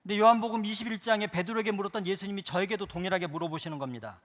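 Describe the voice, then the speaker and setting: A man's voice: high-pitched, very fast, fairly bright tone, in a large hall. A male pastor preaching a sermon, driving it with emphatic rhetorical questions that build in intensity.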